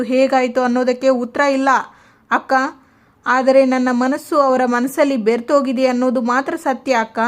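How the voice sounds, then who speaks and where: An earnest young wife, read by a woman confiding in a high, light voice. She talks sincerely and openly, like a heroine in a spoken story. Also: close to an everyday voice. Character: young newly married woman, troubled and in love.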